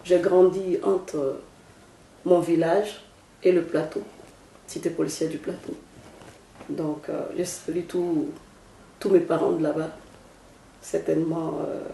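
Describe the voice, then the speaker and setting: A woman's voice: on the low side, vocal fry, mellow, reverberant, slight background noise. A singer, giving a solemn, devotional testimony in an interview at her home. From Côte d'Ivoire. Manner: slow, solemn, devotional phrasing. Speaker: gospel singer, interview guest.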